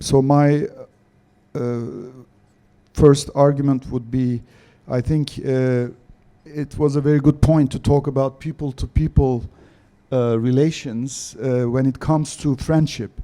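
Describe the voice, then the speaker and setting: A male panelist answers audience questions slowly and haltingly, filling pauses with "uh" and "um". His voice is very dark and mellow, and he takes his time. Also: mid-range voice. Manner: slow, halting, many fillers. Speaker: panelist, former diplomat.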